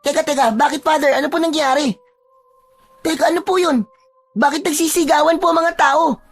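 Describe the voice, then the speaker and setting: A narrator voicing a curious, stubborn boy who pleads politely and excitedly. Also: high voice, a little fast, soft background music, pitched above the performer's own voice. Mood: eager.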